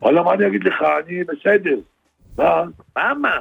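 A man's voice: high-pitched, lively intonation, gravelly, breathy edge, no echo, phone-quality sound. A man performing a comic phone sketch on the radio, swerving animatedly between voices. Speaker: radio comedian.

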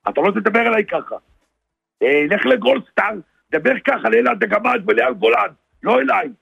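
A man's voice: sits high, creaky, breathy edge, dry recording, phone-quality sound. A man performing a comic phone sketch on the radio, swerving animatedly between voices. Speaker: radio comedian.

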